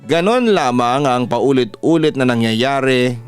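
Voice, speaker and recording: A man with a Filipino accent, working as a radio announcer, hosts by reading a scripted story told in the first person. His mid-range voice is smooth and animated at a measured pace, with music playing in the background.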